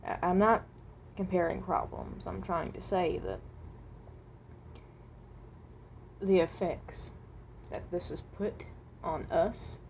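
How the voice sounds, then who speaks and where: Slightly low and a little mellow, a woman's voice brings to life a haunted animatronic carrying the soul of a seventeen-year-old. Her earnest, hesitant, guarded delivery wanders and trails off like an improvised amateur character monologue, recorded at home with light noise.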